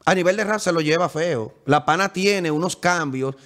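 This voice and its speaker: A young man with a Dominican accent, a musician talking in a casual interview, animated and boastful, often talking over the host. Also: on the high side, normal speed.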